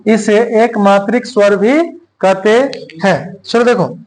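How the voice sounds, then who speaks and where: A male teacher giving a grammar lesson, dictating slowly and repeating phrases word by word. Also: high-pitched, fairly even intonation.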